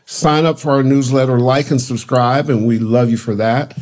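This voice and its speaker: A man with a Southern US accent hosting an interview show, upbeat and brisk. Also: medium pitch, fairly even intonation, darkish tone. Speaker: show host.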